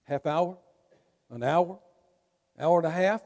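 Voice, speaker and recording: In a big church hall whose long reverb swallows the ends of his lines, a male pastor delivers a sermon. His voice is high and ringing with a darkish tone. He hits words hard and lets dramatic pauses hang.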